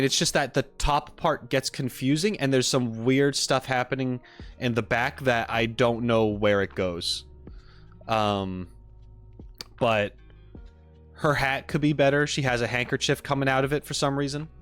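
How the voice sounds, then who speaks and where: Soft music plays behind a man with a smooth, fairly bright mid-range voice who speaks without hurry. Streaming live, he reacts to game character trailers with loose, meandering commentary, hedging often and saying "like" a lot.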